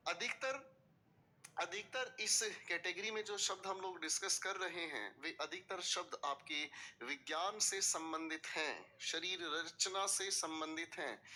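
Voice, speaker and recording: A man's voice: high-pitched, pushed and bright. A man teaching English vocabulary in a classroom-style video lecture, explaining patiently and asking students to repeat words. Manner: mixes English terms into Hindi explanation.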